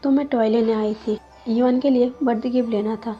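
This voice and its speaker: A woman voicing a reserved young male teacher, speaking his lines softly and quietly. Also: fairly high pitch, fairly even intonation, a little fast, muffled recording, faint music behind, close to an everyday voice.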